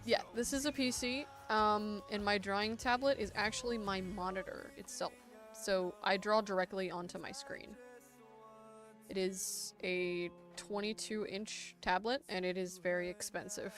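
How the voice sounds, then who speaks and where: A woman's voice: mid-range voice, fairly even intonation, measured pace, fairly bright tone, soft background music. Congested young woman chatting on stream. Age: 20s. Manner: chatty, playful, self-mocking. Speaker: artist streaming a Q&A. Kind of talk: casual livestream chat. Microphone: desktop mic.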